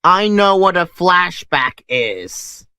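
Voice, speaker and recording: A man's voice: high voice, very animated, music in the background. A man hosting a sarcastic commentary over clips, mocking what he sees. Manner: snarky, mocking, unhurried. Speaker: host.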